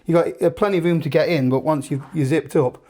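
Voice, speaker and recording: A man's voice: on the high side, fast, dark tone. A man hosting a casual outdoor gear video, chatty and jokey, often restarting his sentences as he thinks aloud. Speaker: host.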